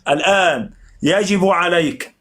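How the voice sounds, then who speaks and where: A man's voice: high voice, measured pace. A man in a heated online debate, commanding and telling his opponent to stop interrupting. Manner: commanding, tells the other to calm down and stop interrupting.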